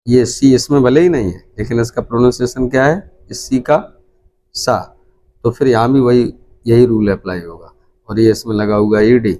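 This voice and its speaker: A middle-aged man with an Indian Hindi accent gives an English pronunciation lesson, saying each word several times over. His voice sits in the mid range with a darkish tone.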